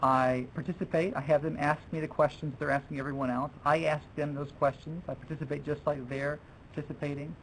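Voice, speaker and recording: Guy running a teacher workshop, kinda high gravelly voice, chatty, keeps restarting, faint rumble. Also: level tone, quick pace, poor audio. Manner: chatty, restarts often, drops in French phrases. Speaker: French teacher presenting a workshop. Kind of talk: workshop talk to fellow teachers.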